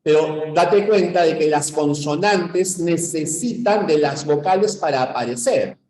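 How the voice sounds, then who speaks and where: A man from Peru gives a university-prep lecture at a board, his voice sitting a little high for a man. He explains things step by step and keeps checking in with short questions to the class. The room is echoey around him. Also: unhurried, dark tone. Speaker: teacher.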